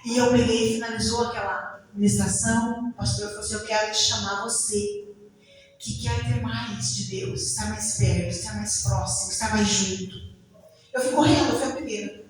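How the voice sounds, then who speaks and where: A woman's voice: mid-range voice, fairly even intonation, normal speed. A woman with a Brazilian Portuguese accent giving an emotional church testimony, often breaking into praise exclamations. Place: church hall. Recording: very echoey hall, far from mic, faint music.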